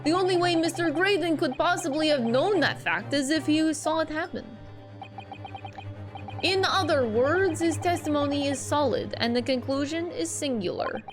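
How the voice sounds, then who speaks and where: A woman's voice: sits high, moderate pace, over music, lightly acted. A woman playing a cold, haughty aristocrat prosecutor. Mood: cold, disdainful. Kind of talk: reading game dialogue aloud.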